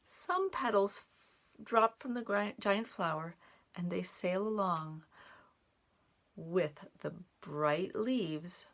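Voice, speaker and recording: A woman who tells stories and teaches sign language to young children reads a picture book aloud and explains things in simple language, mixing in casual signing lessons. Her voice is medium in pitch and a bit bright, with lively intonation and a slow pace.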